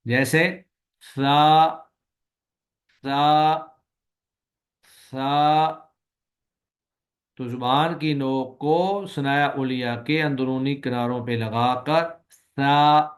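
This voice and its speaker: In a recorded lecture on letter pronunciation, a male Quran recitation teacher with a medium-pitched voice and a Pakistani Urdu accent explains slowly and patiently. He stretches out his sample sounds at length.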